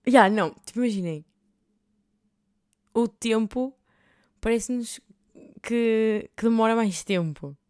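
A woman's voice: fairly high pitch, takes it slowly, pauses often, darkish tone, smooth, no room sound. Chatty young Portuguese woman, close and dry. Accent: European Portuguese. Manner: chatty, rambling, heavy filler words and swearing. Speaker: podcast host. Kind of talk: casual storytelling monologue.

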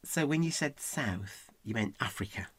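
A woman's voice: rumbling low, expressive, moderate pace, husky. A woman interviewing a guest in a comedy sketch, dry and sarcastic.

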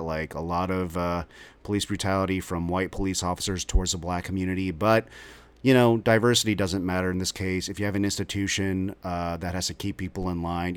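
Guy doing a podcast intro, low smooth voice, dry close sound, lots of ums. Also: dry recording. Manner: rambling with many filler sounds. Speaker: podcast host.

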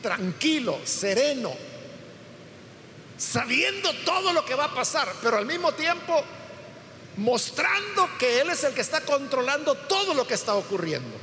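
A man's voice: very high voice, big pitch swings, a little slow, bright, forceful tone. A man teaching a Bible passage as a preacher, explaining step by step and acting out the quoted dialogue with emphasis. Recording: hall reverb with faint room noise.

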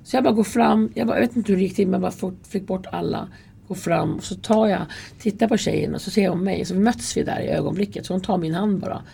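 This interview guest, a woman employed in subway security, recounts stories casually and earnestly, performing the quoted lines herself. Her mid-range voice is dark and slightly rough, with vocal fry.

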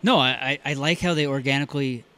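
A man on a podcast panel chatting casually about a video game, getting more animated as he gets excited. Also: medium pitch, quick pace, clear, resonant tone. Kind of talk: casual review chat.

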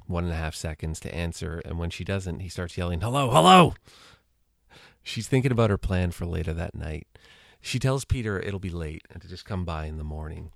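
A man's voice: low-pitched, gravelly, no echo, clean studio sound. A man hosting a podcast, retelling an old crime episode scene by scene with wry, sarcastic asides. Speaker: podcast host. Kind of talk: casual episode recap. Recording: loud music behind the voice.

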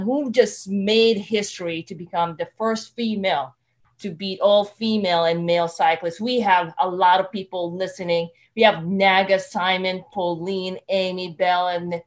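A woman hosting a live interview, chatty and eager, laughing easily as she asks questions. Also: medium pitch. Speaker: live show host.

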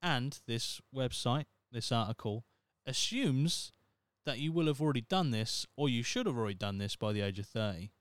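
With a medium-pitched, expressive, smooth voice at normal speed and few pauses, a thirty-year-old male host rambles on his casual solo podcast. He's wry and self-mocking, swearing a lot, and there's no echo.

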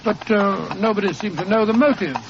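An actor playing a genial, stuffy doctor sidekick in a radio drama, earnest and proper, with a British accent. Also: male voice, high-pitched, a little fast. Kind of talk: old-time radio drama acting. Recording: muffled, noisy old radio recording.

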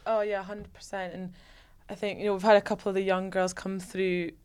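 Smooth-voiced young woman, enthusiastic. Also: medium pitch, level tone, fairly quick, darkish tone. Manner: enthusiastic, lots of 'like' and 'you know'. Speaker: rugby development officer. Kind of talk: casual chat.

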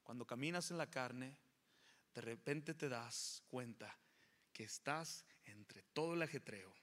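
A man in his thirties preaching a bilingual sermon as a pastor, switching between Spanish and English and building to forceful exhortation. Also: medium pitch, a little slow. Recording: echoey hall with long reverb.

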